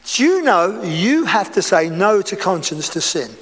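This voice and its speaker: A man's voice: high-pitched, big pitch swings, measured pace, a bit bright, husky. A man preaching a sermon to a congregation in a casual, conversational way, with chatty asides and humor. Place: church hall before a congregation. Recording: reverberant hall.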